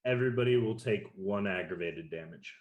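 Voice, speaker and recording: Low-voiced man running a tabletop game. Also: brisk, narrow, tinny audio. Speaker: game master. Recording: roomy echo.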